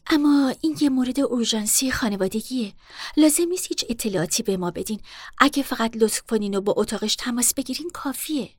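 A woman voicing a calm, persuasive young woman in a storybook reading, polite and coaxing. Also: fairly high pitch, no echo, studio quality, natural voice. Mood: pleading, polite.

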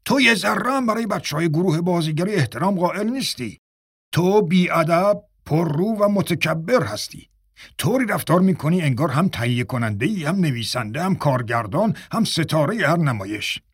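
A man's voice: fairly high pitch, expressive, breathy edge, no echo, studio quality. A male narrator voicing a stern, irritable theatre director who scolds a late actor in a raised, commanding voice. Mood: angry.

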